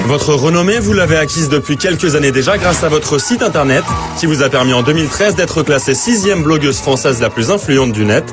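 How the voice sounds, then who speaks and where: A man reading a scripted television portrait voice-over in a crisp, lightly ironic tone. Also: fairly high pitch, lively intonation, brisk, hardly any pauses. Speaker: portrait narrator. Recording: studio voice-over over music.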